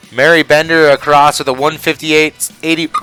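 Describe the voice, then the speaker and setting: Man announcing a ski race, bright crisp voice, joking banter, faint music behind. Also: fairly high pitch, little pitch movement, a little slow, rough recording. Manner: joking, reads bibs and times. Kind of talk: live sports commentary, banter.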